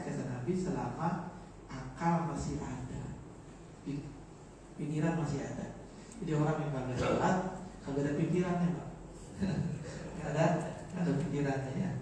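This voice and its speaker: A man's voice: fairly high pitch, far from the mic, background noise. A man with a Betawi accent giving a joking, informal morning sermon, explaining Arabic phrases. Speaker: religious teacher. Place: large mosque hall. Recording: echoey mosque, mic from afar.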